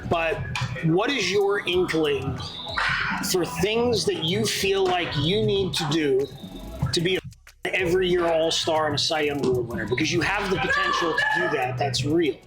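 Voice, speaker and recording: A man coaching a young pitcher one on one, emphatic and intense, swearing freely. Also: moderate pace, low-quality recording. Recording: loud music bed under voice.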